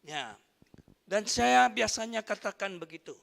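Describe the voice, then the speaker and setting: An older man preaches in a high, gravelly voice with a bright, ringing edge. He speaks slowly and emphatically, leaning on each point. The sound carries a long church-hall reverb. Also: animated. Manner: emphatic preaching with frequent hallelujahs. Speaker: pastor. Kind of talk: sermon.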